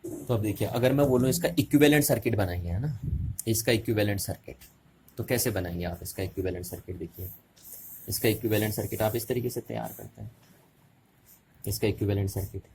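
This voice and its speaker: A man's voice: lowish voice, brisk, vocal fry, a little mellow, slight background noise. A man teaching a physics lesson at a board, explaining step by step and often checking with the students. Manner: repetitive, checking questions to students.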